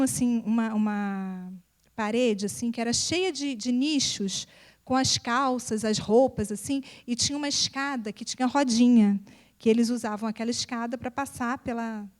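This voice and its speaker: High-voiced woman telling her story. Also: normal speed. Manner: repeats words for emphasis, acts out dialogue. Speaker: psychopedagogue and mother speaking at an event. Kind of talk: personal talk to an audience.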